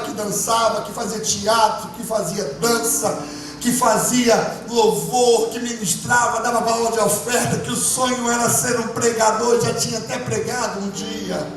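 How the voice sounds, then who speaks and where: A man, a pastor, giving an emotional testimony sermon, moving between hushed and loud. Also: extremely high pitch. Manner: impassioned, swinging from hushed to loud. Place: church. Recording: echoey church hall from far off, music behind.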